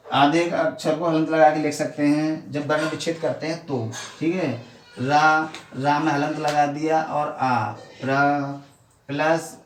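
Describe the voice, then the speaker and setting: A male teacher giving a grammar lesson, explaining slowly and repeating points, often asking his pupils questions and mixing into his speech. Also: on the high side, fairly bright tone. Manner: slow, repetitive explaining with frequent questions to pupils. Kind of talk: classroom-style grammar lesson. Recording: echoey room, mic at a distance, faint noise.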